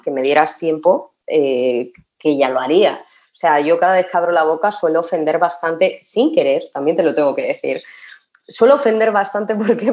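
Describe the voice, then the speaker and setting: A woman's voice: fairly low pitch, a little mellow. A woman, a guest in a casual conversation who talks emphatically and repeats words for stress. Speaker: podcast guest.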